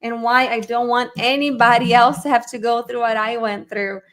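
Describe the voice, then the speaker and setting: A middle-aged Brazilian woman, a native Portuguese speaker, hosts an informal live online lesson as course instructor and webinar host. Her voice is a little high and moves at normal speed, chatty and animated as she speaks straight to viewers.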